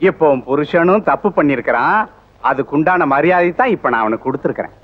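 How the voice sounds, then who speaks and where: An actor playing an arrogant, domineering police officer who taunts and threatens, from an old film soundtrack. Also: male voice, fairly high pitch, expressive, quick pace, narrow, tinny audio. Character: arrogant bullying male village police officer. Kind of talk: 1980s Tamil film drama.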